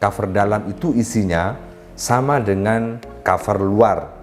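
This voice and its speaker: A man with a lowish voice teaches in a measured, orderly way, counting off points in turn. He speaks politely to his audience as ladies and gentlemen. Soft music plays faintly behind him. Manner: addresses listeners as "Bapak Ibu", lists points step by step. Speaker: writing instructor. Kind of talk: explanatory lesson.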